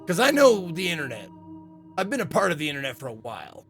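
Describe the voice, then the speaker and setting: A man's voice: a little high, wildly swooping pitch, fast, fairly bright tone. A man giving informal, jokey let's play commentary as a game streamer. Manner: informal, jokey, reacts and reads dialogue aloud. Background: game music.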